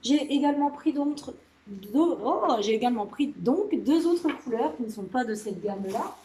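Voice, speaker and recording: A woman's voice: on the high side, expressive, moderate pace, mellow, reverberant, slight background noise, rough recording. A woman vlogging casually about a nail polish haul, chatty and gushing, with lots of filler words. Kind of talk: casual product haul video. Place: indoor room with a lamp.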